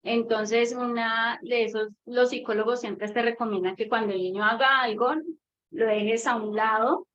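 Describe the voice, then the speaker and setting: A woman's voice: fairly high pitch, steady tone, moderate pace, fairly bright tone. A mother, telling a long story about her child and asking a question in casual talk, with many fillers. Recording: dull lo-fi audio with faint noise.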